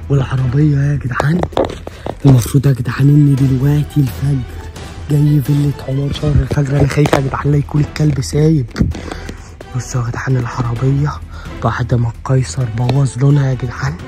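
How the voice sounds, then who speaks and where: Young man, Egyptian accent, hushed, frightened, quick narration, music behind. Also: mid-range voice, level tone. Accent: Egyptian Arabic. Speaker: vlogger. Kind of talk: spooky walkthrough narration. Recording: music playing underneath.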